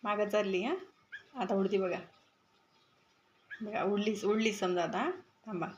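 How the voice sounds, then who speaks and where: A woman's voice: unhurried, dull audio, slight background noise. A woman with a Marathi accent, chatting casually in a home vlog while coaxing and calling her pet bird. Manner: coaxing, calls the bird with high chirpy sounds. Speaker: vlogger.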